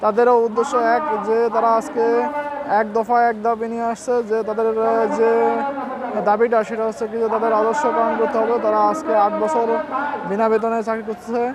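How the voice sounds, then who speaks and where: A man's voice: very high voice, fairly quick, heavy background noise. A man reporting live from a street protest in light rain, steadily describing the scene for viewers. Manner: steady commentary with fillers, pointing viewers to the scene. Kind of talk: live on-the-spot news report. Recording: street recording with loud crowd. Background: crowd chanting slogans.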